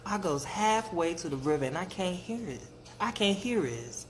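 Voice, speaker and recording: A storyteller voicing a gullible, complaining folktale raccoon with a drawn-out, folksy delivery. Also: medium pitch, lively intonation, pitched above the performer's own voice, lightly acted.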